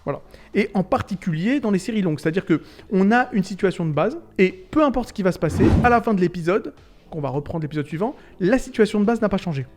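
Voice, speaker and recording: A man's voice: high-pitched, animated, quick pace, darkish tone, faint music behind. A man hosting a casual video essay, ranting animatedly about fiction tropes and swearing freely.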